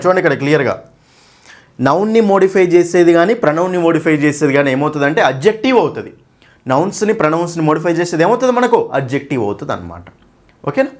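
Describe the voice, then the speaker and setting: A man teaching an English grammar class for exam preparation, asking questions and answering them himself. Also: fairly high pitch. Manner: asks questions and answers them himself, frequent "okay?" and "right?"; addresses students fondly as "nanna". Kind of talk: exam-prep grammar lesson.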